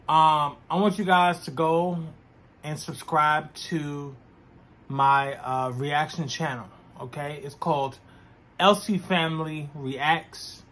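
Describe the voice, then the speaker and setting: A young man, a vlogger, talking casually to his viewers from his own room, slow and full of "um" fillers. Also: a little high, fairly bright tone. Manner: talks slowly with frequent "um" fillers. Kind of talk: casual mukbang vlog chat.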